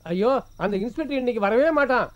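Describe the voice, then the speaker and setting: An actor playing a scheming, flirtatious constable in a comedy film. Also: male voice, extremely high pitch, quick pace, no room sound. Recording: dry, dull film audio.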